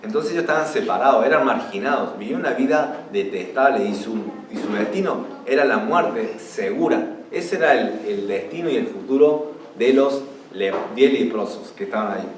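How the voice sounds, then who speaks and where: Young pastor preaching. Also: male voice, medium pitch, animated, normal speed, hardly any pauses, slight background noise. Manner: teaching, repeats key words, rises when reading scripture aloud. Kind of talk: sermon. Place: church. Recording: roomy church hall from far off, faint ambience.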